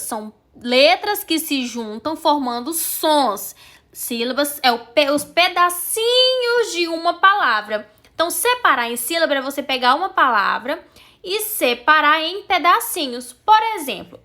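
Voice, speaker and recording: A Brazilian teacher woman giving a patient, sing-song online lesson to young children, explaining words slowly. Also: sits high, pushed and bright. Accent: Brazilian Portuguese. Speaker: primary school teacher.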